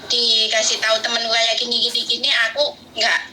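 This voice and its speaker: A woman calls in over a tinny phone line. Her voice is very bright and a little high. She rambles, repeating words as she tells her story. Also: completely flat delivery, fairly quick, slight background noise. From Indonesia. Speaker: caller, domestic worker.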